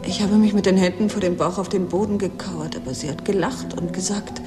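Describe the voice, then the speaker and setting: A woman's voice: mid-range voice, steady tone, fairly quick, echoey room, lightly acted. A woman playing a masked messenger who earnestly reports to her chief in a radio play. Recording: loud music behind.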